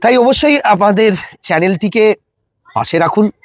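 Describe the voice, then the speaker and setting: A man's voice: sits high, lively intonation, normal speed, dry recording, studio quality. A man hosting an interview, speaking emphatically and theatrically in short, dramatic phrases. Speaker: interviewer and channel host. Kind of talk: interview with emphatic closing address to viewers.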